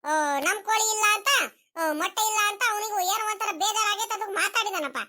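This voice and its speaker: A woman voicing a gentle, protective village grandmother in a cartoon comedy, coaxing and pleading. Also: very high voice, fast.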